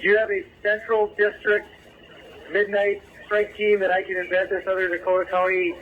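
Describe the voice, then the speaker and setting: A man speaks over police radio in a fairly high voice, passing on updates and requests. The transmission is thin and phone-like, with some noise on the channel. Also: monotone, normal speed. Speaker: police radio dispatcher or officer.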